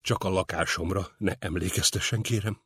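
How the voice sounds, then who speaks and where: A polite, weary young man speaks with a sigh in his manner, as a man puts him on. The voice is husky and dry, as in a storybook reading. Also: low-pitched, steady tone, a bit bright, dry recording.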